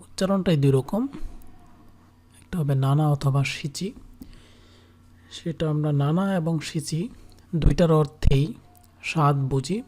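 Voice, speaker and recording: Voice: medium pitch, steady tone, unhurried, long pauses, darkish tone, a little hiss or hum. A teacher giving a kanji writing lesson, repeating each reading several times while writing it out. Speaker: Japanese language teacher.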